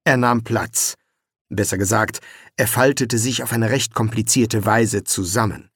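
A man reading an audiobook in a slow, deliberate, dryly ironic manner, recorded close on a studio mic in a dry booth. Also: fairly low pitch, breathy edge, dry recording. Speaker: audiobook narrator. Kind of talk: scripted narration.

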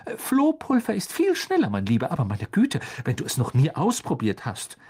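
Storybook mother witch, high and fussing, husky edge, played by a man. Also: wildly swooping pitch, normal speed, a little mellow, heavily acted. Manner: high fluttering worried coaxing. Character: warm fussing motherly witch, middle-aged.

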